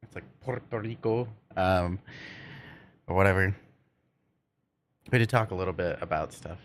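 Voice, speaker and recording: A game livestreamer with a low-pitched voice chats casually with viewers at a moderate pace, rambling and often hunting for words. He can't roll his R's, and there's a slight hiss or hum in the audio.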